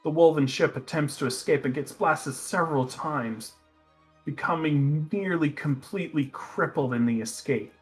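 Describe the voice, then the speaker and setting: Male game master, lightish high register, stop-start tabletop storytelling over faint music. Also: normal speed. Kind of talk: narrating a tabletop fantasy game.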